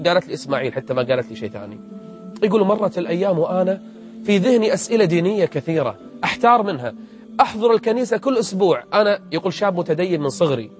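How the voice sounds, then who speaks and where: A man, an Islamic preacher telling a religious story and retelling its dialogue. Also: a little high. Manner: lively, retells dialogue in quotes.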